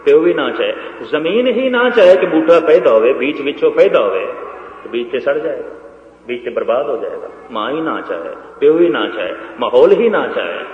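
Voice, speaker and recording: A man giving a Sikh religious discourse to a congregation, emphatic and repetitive, swinging between loud and soft. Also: medium pitch, very animated, moderate pace. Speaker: Sikh preacher. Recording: echoey dull lo-fi hall recording.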